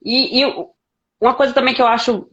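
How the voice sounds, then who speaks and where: A woman from Brazil, a podcast guest telling her life story frankly in a halting way, with many restarts. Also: on the high side, steady tone, lo-fi sound. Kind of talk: candid conversational interview.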